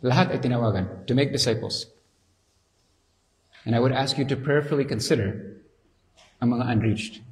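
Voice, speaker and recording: A man preaching a sermon in a dramatic, animated storytelling manner. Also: medium pitch, moderate pace, pauses often.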